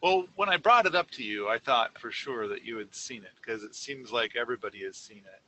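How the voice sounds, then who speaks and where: A man's voice: mid-range voice, lively intonation, brisk, bright, forceful tone, dull audio. A man co-hosting a casual podcast, rambling through a story with many fillers and restarts. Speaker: podcast co-host. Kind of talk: casual conversation.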